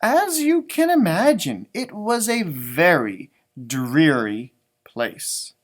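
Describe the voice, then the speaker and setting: A man reads a storybook aloud to children in the manner of a teacher, speaking expressively at a slow pace in a slightly high voice. He adds informal asides that simply explain the words and pictures for the kids.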